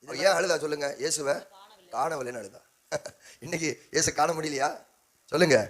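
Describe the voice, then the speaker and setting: High-pitched tamil-accented preacher guy, repeats lines, keeps asking the church to answer. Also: normal speed. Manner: call-and-response preaching, prompting the congregation; rhythmic repetition, rising to loud exhortation. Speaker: pastor. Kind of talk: sermon.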